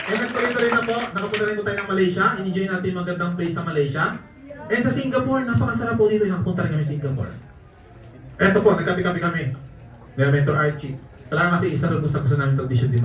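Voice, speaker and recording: Speaking quickly in a high voice, a man in network marketing shares jokey travel tales with a live crowd, laughing as he goes. The distant mic picks up hall echo and audience noise.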